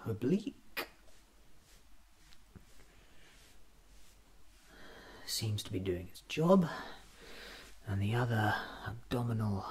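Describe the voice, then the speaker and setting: Slow, musing Doctor, played by a man, lively pitch. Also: slight background noise. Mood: muttering, absent-minded. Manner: muttering to himself, halting, deliberate. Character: newly regenerated time-travelling alien doctor, musing, quirky, self-examining. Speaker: ASMR roleplay performer. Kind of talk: soft-spoken ASMR roleplay monologue.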